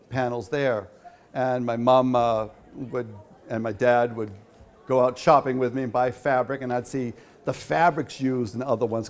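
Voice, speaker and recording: Chatty man taking audience questions. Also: medium pitch. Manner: chatty, rambling, many fillers. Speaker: featured speaker at a quilt show. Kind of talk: talk with audience Q&A. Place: hall.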